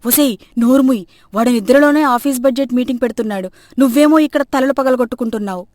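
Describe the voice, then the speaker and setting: A woman's voice: a little high, moderate pace, noisy background, natural voice. A woman voicing a bossy, scolding middle-aged mother-in-law who barks orders. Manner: loud and scolding.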